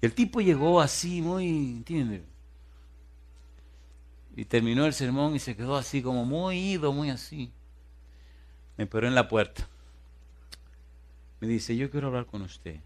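A middle-aged man from the Dominican Republic, a preacher with a Dominican accent, telling a story in a sermon. He acts out the dialogue and drops to a hushed voice when he prays. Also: mid-range voice, measured pace, long pauses. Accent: Dominican Spanish. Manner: animated storytelling, acting out dialogue, laughing often; drops to soft, hushed prayer voice.

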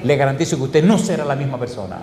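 A man preaching a sermon, firing rhetorical questions at the congregation and stretching key phrases slowly. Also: animated, mellow. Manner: emphatic, call-and-response questions to the congregation; sweeping pitch swings and slow stressed phrases. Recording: echoey hall with reverb.

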